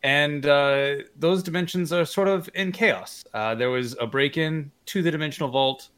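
A man's voice: fairly high pitch, normal speed, fairly bright tone, clear, resonant tone. A man chatting casually as a player in a tabletop roleplaying game, explaining things politely and hesitantly. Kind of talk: casual in-character game chat.

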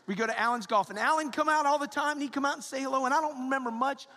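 High-voiced American priest preaching conversationally. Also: male voice, pushed and bright. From Georgia, United States. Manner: informal, halting phrasing with repetitions and rhetorical asides. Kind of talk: conversational homily. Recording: church with long reverb.

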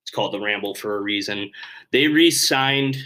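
A man talks through a solo sports podcast rundown in a loose, rambling way, full of "uh"s and asides. His voice sits a little low, with a bright, forceful edge to it. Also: moderate pace, low-quality recording. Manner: rambling, offhand, frequent fillers. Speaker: podcast host.

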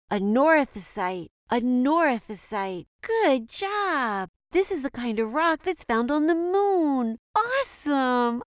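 Woman playing an eager singsong girl, high and bouncy. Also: a little mellow, no room sound, clean studio sound. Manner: broad singsong children's theatre delivery, exclaiming. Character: eager young girl traveller, chatty, easily amazed. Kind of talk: scripted children's educational travel show.

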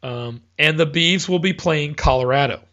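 A man's voice: a little high, moderate pace, a bit bright, lo-fi sound. A man hosting a casual sports chat, rambling and correcting himself as he talks, with hiccups. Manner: rambling, self-correcting, chatty. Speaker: podcast host.

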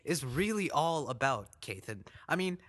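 A man's voice: on the high side, very animated, moderate pace, fairly bright tone. A young man in a casual group chat, dropping dry sarcastic asides. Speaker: podcast co-host.

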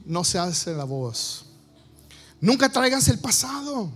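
Man, pastor, high voice, playful sermon, acts out spouses. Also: big pitch swings, takes it slowly, breathy edge, soft background music. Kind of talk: sermon on marriage.

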